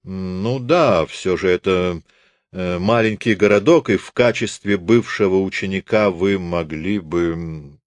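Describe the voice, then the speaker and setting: A man voicing an indignant, prim old male schoolmaster with a creaky voice in an audiobook. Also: low voice, unhurried, no echo. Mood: flustered.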